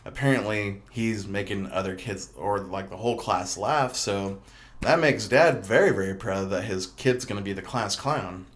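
A man's voice: on the low side, moderate pace, fairly bright tone. A young man hosting his own podcast, talking casually in a rambling, chatty way full of fillers and restarts. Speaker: podcast host. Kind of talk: casual solo podcast monologue.

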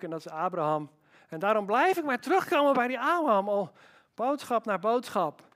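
A man preaching a sermon as pastor, emphatic and animated, with rhetorical questions. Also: very high voice.

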